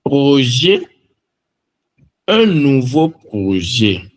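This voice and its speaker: A man's voice: mid-range voice, very animated, drawn-out words. A man from France reading vocabulary aloud for learners, carefully enunciating each word and then an example phrase. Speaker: language teacher.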